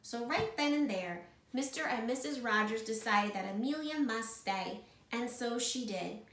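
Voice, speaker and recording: Principal lady reading a kids' picture book, bright voice, echoey room. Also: a little high, unhurried. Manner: warm, expressive storyteller. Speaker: school principal.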